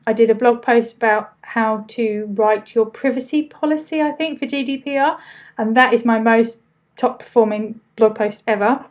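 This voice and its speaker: A woman with a fairly high voice and an Essex accent leads a live online training. She talks in an informal, chatty way, taking questions as they come and answering them casually, with words a little loosely pronounced. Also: moderate pace, dull audio. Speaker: business trainer hosting a live Q&A.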